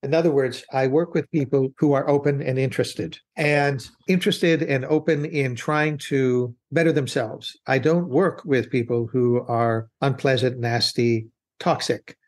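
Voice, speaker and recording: Speaking a little slowly and with few pauses, a man with a mid-range voice appears as a business consultant guest in an interview. His answers are earnest and reflective, long and winding, with frequent restarts.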